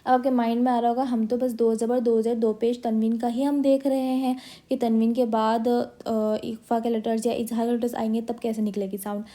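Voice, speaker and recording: A woman's voice: a little high, level tone, brisk, few pauses, warm tone. A woman with an Indian accent teaching Quran recitation, patiently sounding out syllable after syllable for her students to copy. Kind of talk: slow drilling lesson.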